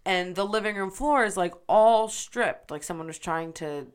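A woman's voice: medium pitch, moderate pace, smooth. A woman from upstate New York, co-hosting a podcast, telling a ghost story casually and animatedly, with lots of swearing and acted-out quotes. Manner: animated, profane retelling with quoted voices. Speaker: podcast co-host.

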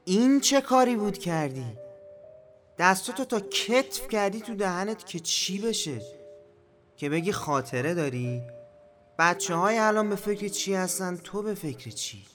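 A man plays a skeptical, teasing companion. His fairly high voice swings animatedly through blunt comic dialogue, with soft music underneath. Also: lively intonation. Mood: scolding, mocking.

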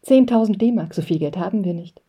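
A woman's voice: mid-range voice, brisk, dark tone, breathy edge, natural voice. A woman reading aloud, voicing an indignant middle-aged housewife who pleads sharply and in agitation with her husband. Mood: agitated.

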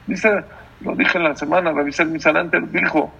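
Gravelly, emphatic rabbi preaching. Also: male voice, fairly high pitch, fairly even intonation, normal speed, sharp tone, lo-fi sound. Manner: emphatic, repeats phrases, asks the audience questions. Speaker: rabbi, religious teacher. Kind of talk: sermon.

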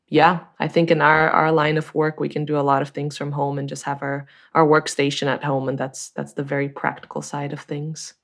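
A woman from Brazil, a sound designer guest, speaking in a friendly, easygoing way. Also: deep voice. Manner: friendly, easygoing, laughs lightly. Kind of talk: casual interview talk.

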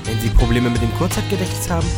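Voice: mid-range voice, very fast. Answering machine greeting voice over music. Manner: polite, even, formal announcer tone. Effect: recorded answering machine greeting. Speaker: hotline announcer. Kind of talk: scripted joke answering machine message.

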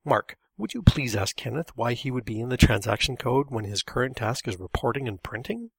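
A man's voice: medium pitch, brisk, gravelly, breathy edge, no room sound. A man voicing an angry, meticulous male programmer who speaks indignantly and emphatically. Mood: aggrieved.

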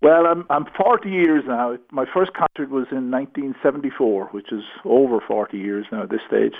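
A man's voice: mid-range voice, normal speed, gravelly. A man in his sixties with a Galway, west of Ireland accent, chatting hesitantly as an interviewee over the phone. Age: 60s. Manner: hesitant, repeats words as talk unfolds. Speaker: concert promoter being interviewed. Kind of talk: casual radio phone interview. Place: on a phone call to a radio show. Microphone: telephone. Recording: thin, narrow-band phone line.

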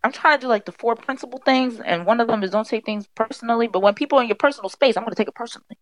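A woman's voice: on the high side, rapid-fire, no echo, poor audio. A woman in her twenties, the host's daughter, speaking bluntly and outspokenly in a casual interview. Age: 20s.

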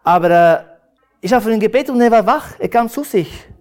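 A man preaching a sermon and telling a personal story in an earnest, halting way, full of restarts. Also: high voice, expressive, a little mellow. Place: church hall.

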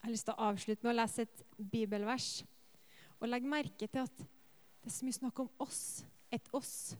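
A woman preacher giving an earnest sermon, telling lively personal stories and asking the congregation rhetorical questions. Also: fairly high pitch. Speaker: preacher and worship leader.

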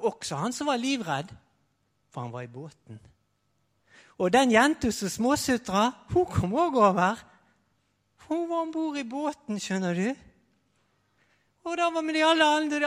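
A man telling a Bible story to children as a lively sermon, speaking as a disciple in first person and leading the audience in sound effects. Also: extremely high pitch, in a large hall.

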